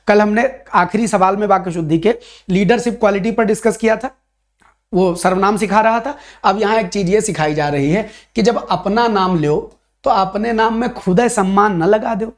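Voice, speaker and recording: A man teaching a Hindi grammar class for an exam, lively and playful, reading out comments and answering them. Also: sits high, normal speed. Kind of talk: online exam-prep class.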